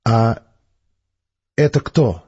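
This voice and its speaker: A man voicing a meek, adoring young woman soldier who is dazed and halting after an injury. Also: medium pitch, expressive, dark tone, breathy edge, muffled recording, full character voice. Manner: halting, breathless, girlish.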